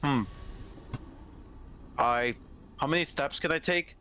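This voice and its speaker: A man's voice: a little high, slow, bright, forceful tone, a little hiss or hum. A man playing a tabletop game who hesitates and fumbles through the rules. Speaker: player. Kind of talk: casual tabletop play.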